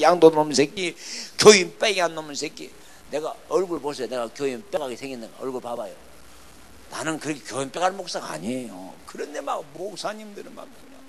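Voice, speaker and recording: A middle-aged pastor preaching a revival sermon in a church. His voice is bright and tense, pitched a little high for a man. He swings from loud bursts down to hushed asides. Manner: emphatic, swings from shouting to near-whispers, acts out quarrels. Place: church sanctuary.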